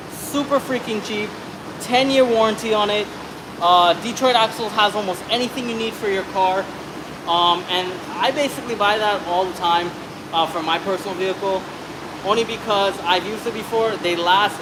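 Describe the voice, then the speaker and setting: A man in his thirties with a high voice talks at a normal pace over a noisy background. He's an auto mechanic rambling casually through a brake job, explaining as he works in a shop with a truck up on a hoist, and he swears now and then.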